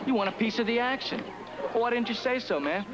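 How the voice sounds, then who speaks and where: An actor playing a combative, sneering young developer in a 1980s daytime soap. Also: male voice, extremely high pitch, fast, dull audio. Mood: hostile. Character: brash scheming young male developer. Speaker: land developer in a soap opera. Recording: loud music under the dialogue.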